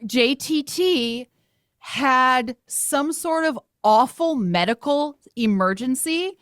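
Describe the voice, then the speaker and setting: Animated woman with a bright, high voice. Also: no room sound, clean studio sound. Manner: animated, laughing, quick bursts of words. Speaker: filmmaker guest. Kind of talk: casual chat.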